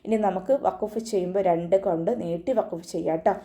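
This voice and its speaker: A woman with a warm, mellow voice leads an online Quran recitation class. She explains each sound patiently and step by step, pausing now and then to chant a verse slowly as an example. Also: fairly low pitch, steady tone. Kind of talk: online tajweed lesson.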